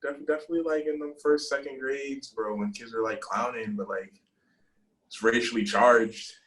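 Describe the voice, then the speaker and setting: A man's voice: mid-range voice, steady tone, moderate pace, a bit bright, rough recording. A man in his twenties talking casually and loosely, with lots of fillers, in a video call interview. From United States. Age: 20s.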